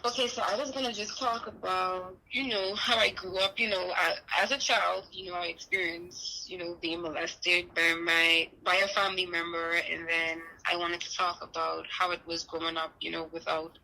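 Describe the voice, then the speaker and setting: Interview guest, woman from the Bahamas, clear bright tone, hesitant, lots of restarts. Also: fairly low pitch, fairly even intonation, normal speed, hardly any pauses, poor audio. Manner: soft-spoken, hesitant, many restarts and "you know". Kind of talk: remote interview, personal story.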